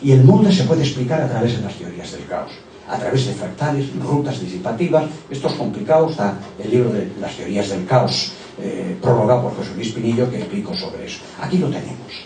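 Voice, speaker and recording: A man from Barcelona, Spain, presents a therapy method at a conference, talking discursively from slides and speaking directly to the audience. He often tags phrases with "eh?" and "okay?" in an animated, brisk, warm, medium-pitched voice. The conference hall echoes, and the distant mic picks up a faint hum.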